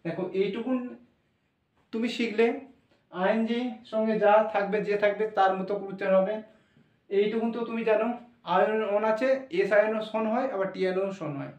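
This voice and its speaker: A man's voice: sits high, darkish tone, recorded from a distance. A male teacher explaining English pronunciation, spelling words out and repeating each sound letter by letter. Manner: repetitive, drills sounds letter by letter. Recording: echoey room, voice from off the mic.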